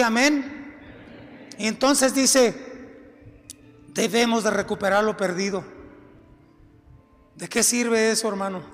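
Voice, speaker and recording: A high-pitched man delivers a sermon slowly and deliberately. He hammers his points home, repeating phrases and calling his listeners brother. His voice rings with a long reverb, as in a church hall. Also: fairly bright tone. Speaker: preacher.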